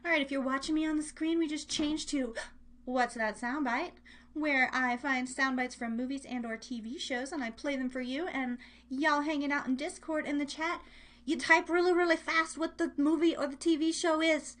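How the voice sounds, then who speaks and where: Steady and high-pitched, her somewhat bright voice moves at a moderate pace. She hosts live online radio and podcasts, and here she rambles playfully in casual chat, often breaking off mid-thought while talking straight to her listeners.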